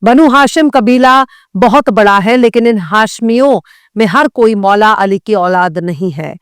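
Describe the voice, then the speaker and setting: A woman's voice: mid-range voice, unhurried, smooth, no echo. Woman anchor, Indian, reads pointed scripted commentary; resonant voice, dry close mic. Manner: pointed, scornful delivery. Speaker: news anchor.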